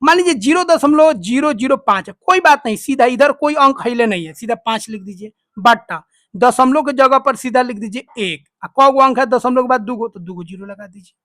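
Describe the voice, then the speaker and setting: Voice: medium pitch, lively intonation, bright, forceful tone, dry recording. Maths tutor, dry sound. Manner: repetitive, quizzes listeners with call-and-response questions; slow, step-by-step dictation. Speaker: maths teacher. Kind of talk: online tutorial explanation.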